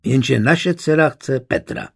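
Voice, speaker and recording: A man voicing an outspoken, sharp-tongued middle-aged mother in a storybook reading. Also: lowish voice, huge pitch swings, breathy edge, no room sound, studio quality, full character voice. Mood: scolding.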